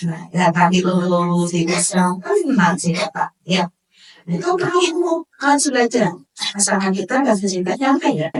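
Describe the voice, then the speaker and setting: A woman gives a lively talk on marriage to a live audience. She keeps slipping into high, dramatic voices to act out wives and husbands. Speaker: speaker at a religious study session. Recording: echoey hall, voice from far off.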